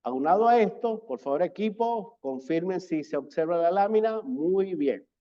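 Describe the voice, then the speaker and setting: A man gives a slow, deliberate lecture on public speaking, repeating key words for emphasis. His voice sits a little high and sounds mellow and soft-edged. The audio is slightly dull and lo-fi, as from a computer mic on an online presentation. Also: expressive.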